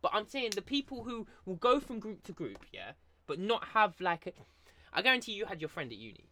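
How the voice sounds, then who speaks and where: Man, twenties, Essex estuary English accent, sharp bright tone, casual sweary chat, emphatic repetition. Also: high-pitched, huge pitch swings, a little fast, no echo. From Essex, England. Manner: emphatic, repetitive phrasing with London street slang.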